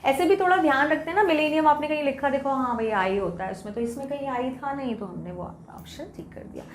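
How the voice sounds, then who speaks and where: A woman's voice: high-pitched, quick pace. A young Indian woman teaching an exam-prep spelling lesson, spelling words out letter by letter and switching between Hindi and English. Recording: echoey room with faint background hiss.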